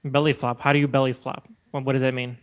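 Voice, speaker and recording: A man co-hosts a casual podcast, arguing in a challenging debate style. He talks fast with a mid-range voice and flat delivery, and the lo-fi audio is slightly dull.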